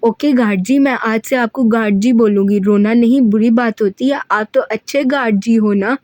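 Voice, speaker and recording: A woman's voice: a little high, normal speed, darkish tone, no echo, studio quality, lightly acted. A woman voicing a sulky, childlike young woman who throws tantrums, in a whiny, pouting way. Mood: coaxing.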